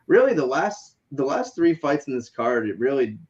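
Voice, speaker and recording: A man in his late thirties co-hosting a casual podcast, animated and teasing, swearing freely. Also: medium pitch, normal speed, dull audio. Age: 30s. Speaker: podcast co-host.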